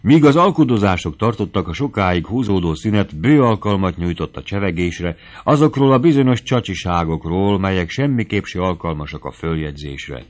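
A man narrating a classic novel aloud, lifting his voice for the characters and going hushed for tender moments. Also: expressive, hardly any pauses. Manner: voices characters with raised pitch and drops to a hushed tone for intimate lines. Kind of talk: audiobook reading of a classic novel.

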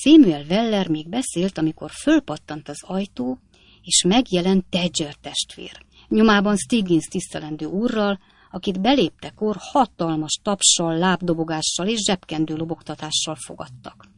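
A woman narrating an audiobook in a measured storytelling delivery. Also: on the low side, no echo. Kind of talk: scripted narration.

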